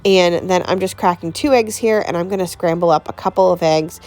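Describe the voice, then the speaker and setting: A woman's voice: on the low side, fairly quick, a little mellow. A woman chatting casually through a home cooking tutorial in her kitchen, laughing easily and peppering her talk with "like". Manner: chatty, laughs often, says "like" a lot. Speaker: home cooking vlogger and mom.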